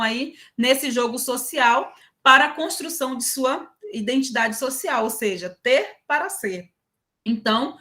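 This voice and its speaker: A Brazilian woman gives an academic talk with a high, bright-toned voice. She moves between careful lecturing and lively storytelling. She keeps checking in with her listeners through a constant "né". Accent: Brazilian Portuguese. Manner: frequent "né" tags, lively storytelling. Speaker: university lecturer. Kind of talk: academic talk with personal anecdotes.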